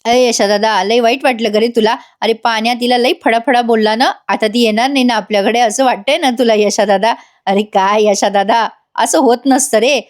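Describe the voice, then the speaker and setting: A woman reading the lines of a teasing, sharp-tongued young village man. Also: fairly high pitch, steady tone, moderate pace, lightly acted. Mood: coaxing.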